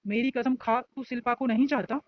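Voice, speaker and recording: A woman's voice: on the high side, fairly even intonation, brisk, muffled recording, a little hiss or hum, close to an everyday voice. A woman voicing a nosy, teasing young male college student in a storybook reading. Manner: joking, nosy banter.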